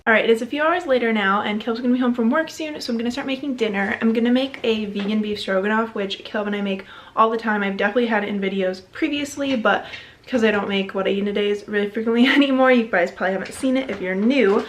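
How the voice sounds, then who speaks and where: A woman's voice: a little high, fast talker, slight background noise. A young woman in her twenties chatting casually to the camera at home, bubbly and rambling. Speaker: vlogger. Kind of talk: casual chat. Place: home, indoors.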